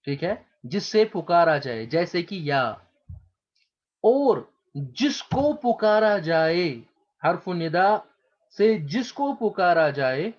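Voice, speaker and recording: A man teaching Arabic grammar in a slow explanatory lecture, patiently repeating each term for his students. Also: fairly high pitch. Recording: dull lo-fi recording.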